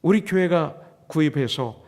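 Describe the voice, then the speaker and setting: A middle-aged male pastor tells a story from the pulpit, acting out the dialogue and dropping in English phrases. His voice sits a little high and is gravelly, with lively swings in pitch. A long church-hall reverb trails every line. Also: a little slow. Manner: mixes English phrases into the talk. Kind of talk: sermon. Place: church sanctuary.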